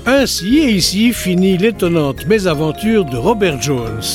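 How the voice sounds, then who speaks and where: A man's voice: high voice, very animated, measured pace, music in the background. A man formally announcing the closing credits of a radio drama.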